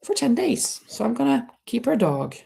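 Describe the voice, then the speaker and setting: This middle-aged Norwegian livestream host speaks a little high, with huge swings in pitch, at a moderate pace. Her voice is husky with vocal fry and a dark tone. Chatting casually from home near a terrace, she reads viewer comments, laughs frequently and restarts words.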